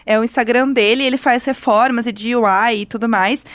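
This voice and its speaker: A woman co-hosting a podcast in relaxed, chatty conversation. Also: on the high side, a little fast, no echo. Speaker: podcast co-host. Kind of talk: casual chat.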